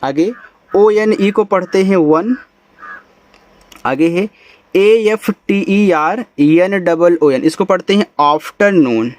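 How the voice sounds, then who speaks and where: A man's voice: fairly high pitch, dry recording. A man teaching English reading in a patient lesson, spelling each word letter by letter, then sounding it out and repeating it. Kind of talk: Hindi-language phonics lesson, spelling out English words letter by letter.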